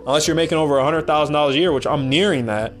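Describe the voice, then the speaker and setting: A man's voice: fairly high pitch, very fast, soft background music. A man from the United States hosting a podcast, talking in a blunt, rambling casual monologue and swearing freely. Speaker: podcast host.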